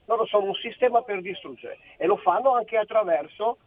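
A man's voice: high-pitched, fairly quick. Older man calling in on a tinny phone line. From Friuli Venezia Giulia, Italy. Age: 60s. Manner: rambling, indignant, repeats himself. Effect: phone-in caller on a radio show. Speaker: caller. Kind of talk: heated political phone-in.

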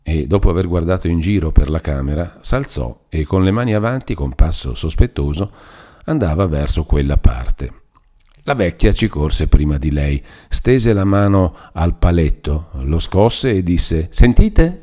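Male audiobook narrator, low mellow voice, lively expressive reading of a classic novel. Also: a little slow. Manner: expressive storytelling.

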